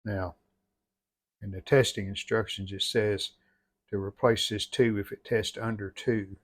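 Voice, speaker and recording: At a workbench in his home workshop, a middle-aged hobbyist repair vlogger gives unscripted how-to commentary in a plain, folksy, matter-of-fact way. His voice is fairly low with fairly even intonation and a measured pace.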